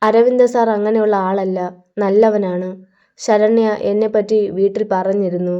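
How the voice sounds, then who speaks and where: A woman's voice: medium pitch, steady tone, moderate pace, mellow, dull audio, lightly acted. A woman voicing an earnest young man in love who speaks in an insistent, pleading way.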